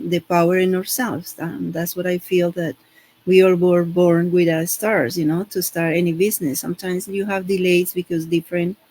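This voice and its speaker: Hesitant woman hosting, flat voice. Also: on the low side, poor audio. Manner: hesitant, many "um" and "uh", non-native phrasing. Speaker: host of an online panel. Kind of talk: hosting an online live panel.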